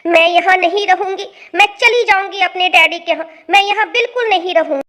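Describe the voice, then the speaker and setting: A woman's voice: very high voice, brisk, sharp tone. A young woman voicing a sulky newlywed bride in a cartoon story, whining and talking back. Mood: defiant. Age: young adult. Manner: whiny, talks back.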